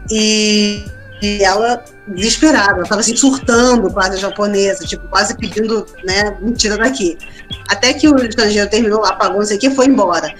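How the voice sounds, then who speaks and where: A woman's voice: medium pitch, brisk, faint music behind. Chatty Brazilian woman telling stories. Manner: chatty storyteller, frequent tag questions. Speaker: guest. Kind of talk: casual interview chat.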